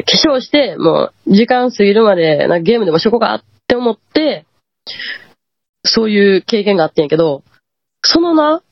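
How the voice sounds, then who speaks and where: A woman's voice: medium pitch, slightly rough, no room sound. A woman with a Kansai accent casually telling a true ghost story, acting out the quoted lines. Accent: Kansai Japanese. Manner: animated, acts out quoted lines. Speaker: guest storyteller. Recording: dull lo-fi dry audio.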